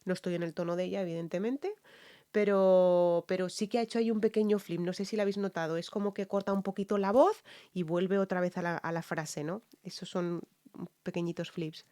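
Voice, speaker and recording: A woman's voice: lowish voice, steady tone, brisk, warm tone. A woman with a Spain Spanish accent, a singer giving a casual, enthusiastic reaction and vocal analysis, repeating herself as she talks. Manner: enthusiastic, repeats words, demonstrates by singing. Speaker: singer reacting to a live performance.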